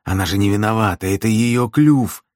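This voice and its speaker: A man voicing a timid young bard who speaks hesitantly in a rasping voice, as an audiobook character. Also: lowish voice, moderate pace, a little mellow, no room sound, clean studio sound, natural voice. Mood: pleading.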